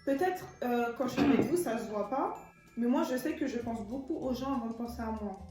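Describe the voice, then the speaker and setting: Teasing young woman, slightly high voice. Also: brisk. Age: 20s. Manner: teasing, animated. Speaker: co-host. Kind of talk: casual chat. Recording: echoey room with faint music.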